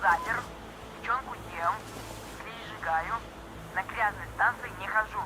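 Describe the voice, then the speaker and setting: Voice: medium pitch, measured pace. A young son speaking over a field radio, giving dutiful, clipped replies as radio operator. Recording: noisy game audio.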